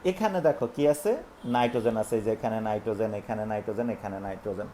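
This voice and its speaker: Male teacher, animated pitch, explains step by step and quizzes himself out loud; faint hiss behind the voice. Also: very fast. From Bangladesh. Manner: explains step by step, asks and answers own questions. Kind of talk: recorded online lesson with screen.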